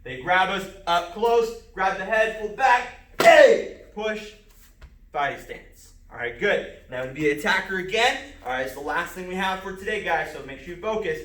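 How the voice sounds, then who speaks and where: Bright-voiced man teaching self-defense. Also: high-pitched, animated, fairly quick, hardly any pauses, roomy sound, distant mic. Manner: calls out moves step by step, sharp shouted strikes. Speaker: martial arts instructor. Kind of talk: filmed self-defense lesson. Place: empty martial arts school.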